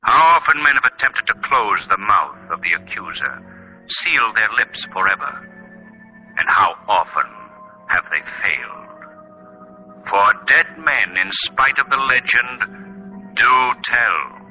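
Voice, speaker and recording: An actor playing a sinister, mocking unseen avenger in an old radio drama, speaking slowly and menacingly. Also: male voice, fairly low pitch, sing-song, pushed and bright, full character voice. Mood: ominous. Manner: slow, menacing, gloating laugh. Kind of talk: 1930s radio drama acting. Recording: dull old radio recording with music.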